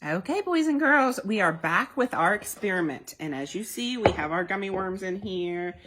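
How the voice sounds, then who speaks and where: A woman's voice: medium pitch, expressive, moderate pace, background noise. A woman librarian leading a science demonstration for children, in a plain, explanatory teacher tone.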